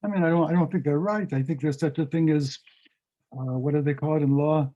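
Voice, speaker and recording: A man teaching as a rabbi, talking through the material in a reflective, conversational way. His voice sits a little high yet sounds soft and mellow. He comes through a video call. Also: steady tone, a little fast, dull audio. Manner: reflective, repeats his questions.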